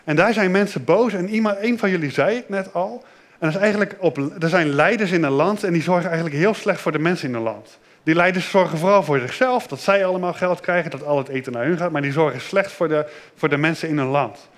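Man giving a gentle children's sermon. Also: on the high side, fast. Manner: asks children questions, gentle and simple. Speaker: children's pastor.

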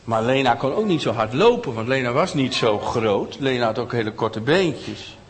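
A middle-aged man telling a story to children in an animated way, often asking them questions. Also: mid-range voice, moderate pace, big-room sound. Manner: animated, asks listeners questions.

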